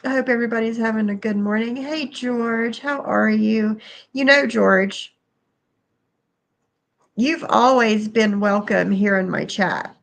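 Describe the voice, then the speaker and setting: Hosting a livestream from home, this middle-aged woman talks in a high-leaning, slightly slow, creaky voice, her nose stuffed up. She chats loosely and calls out viewers by name, first in the bedroom and later in the kitchen.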